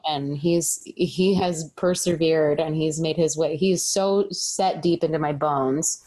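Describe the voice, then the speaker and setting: A young woman guest on a podcast, telling an emotional story in a soft, heartfelt way. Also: deep voice, fairly even intonation, takes it slowly, crowd noise. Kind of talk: casual podcast chat.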